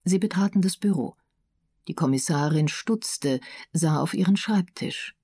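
A woman reading a crime novel aloud in a calm, measured narration. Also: lowish voice, husky, no echo, studio quality. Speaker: audiobook narrator.

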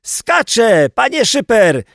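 A man voicing an excited boy who shouts in a raised, high voice, in an audiobook. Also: very slow, vocal fry, no echo, studio quality, full character voice. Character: excited young male helper boy, shouting.

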